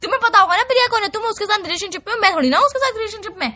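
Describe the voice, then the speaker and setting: High bright-voiced young woman scolding. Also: animated, rapid-fire. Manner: accusing, scolding, talks over him. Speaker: girlfriend on a phone call. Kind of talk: heated couple phone call.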